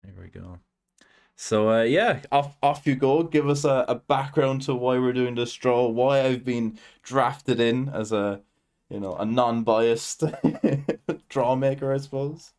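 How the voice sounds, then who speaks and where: A man's voice: medium pitch, measured pace, darkish tone. A man hosting a stream, laid-back and casual, laughing between phrases. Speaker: streamer and host.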